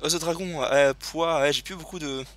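A man hosting a casual let's play, excitable and chatty as he thinks aloud. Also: fairly high pitch, moderate pace. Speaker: gaming video host. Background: video game sounds.

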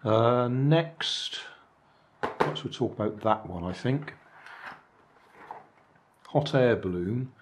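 Handling charity shop finds at an indoor table with his hands in frame, an older vlogger chats dryly through them, drifting into musing asides. He speaks slowly in a mid-range voice with lively intonation and long pauses, against background noise.

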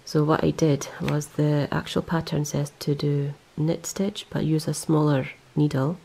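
Her voice sits low and dark with vocal fry and a breathy edge, barely changing pitch, and she speaks a little slowly. As a knitting vlogger doing a casual show-and-tell indoors, she rambles over close-ups of her hands and yarn, correcting herself and filling gaps with many "ums."

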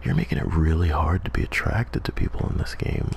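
Very deep gravelly man, golf-commentator hush. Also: brisk, slight background noise. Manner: deadpan, joking, profane. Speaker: gamer commentating over play. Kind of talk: hushed golf-commentator style game commentary. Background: game music.

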